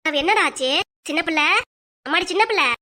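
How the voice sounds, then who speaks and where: A woman's voice: high voice, expressive, a little fast, pushed and bright. A woman doing a doting old mother-in-law. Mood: fussing. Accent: southern Tamil. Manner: emphatic and talkative.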